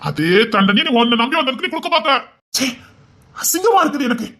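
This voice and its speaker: An actress playing an angry sibling who scolds a cheating brother with contemptuous, rapid-fire questions, in serial drama style. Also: female voice, high voice, lively intonation, sharp tone, heavily acted. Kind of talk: Tamil serial drama acting.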